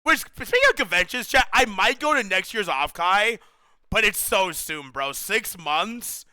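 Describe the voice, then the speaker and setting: A young male streamer with a high, very lively voice that jumps all over the place. His tone is bright and sharp, and his speech comes through smooth and clear on a close mic. He chats excitably with viewers in slangy, casual talk. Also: unhurried, no echo. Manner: excitable, slangy, says bro a lot, laughs often.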